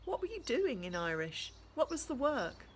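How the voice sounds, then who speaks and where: A woman reading the lines of a calm, patient adult woman who speaks softly and reassuringly. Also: sits high, moderate pace, slight background noise, voice pushed up.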